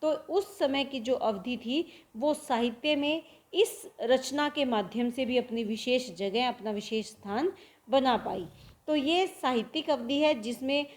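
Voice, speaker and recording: A woman teaching a lesson, explaining word examples step by step, slowing to repeat them and asking herself questions as she goes. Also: high voice. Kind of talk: Hindi literature lecture.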